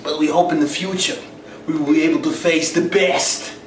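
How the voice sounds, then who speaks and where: A man's voice: a little high, fairly even intonation, moderate pace, natural voice. A man playing a brash, crude, boastful pro wrestler in a comedic wrestling promo, mock-pompous, theatrical and foul-mouthed. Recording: echoey, distant mic with hiss.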